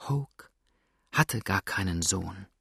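A man reading the part of a frightened, grieving young woman in an audiobook, speaking softly and anxiously. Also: deep voice, animated, slow pace, creaky, breathy edge, dry recording, studio quality, full character voice. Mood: hushed. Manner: soft, anxious and hushed.

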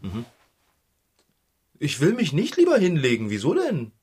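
A chatty bicycle-shop owner whose husky voice leaps all over the pitch range. He bickers like a child and talks in a quick, friendly way. A children's audio drama character. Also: huge pitch swings, darkish tone, heavily acted. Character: good-natured man who runs a bicycle shop.

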